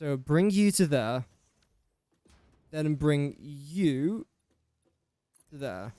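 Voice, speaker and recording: Extremely slow yet expressive, a young man from England with a slightly high, mellow voice chats through a live building game stream. He talks to the pieces he places in a self-deprecating way, and the recording is dry.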